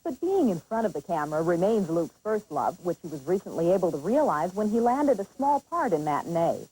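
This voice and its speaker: Animated female entertainment news narrator. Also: on the low side, fairly quick, husky, rough recording. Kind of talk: scripted TV narration.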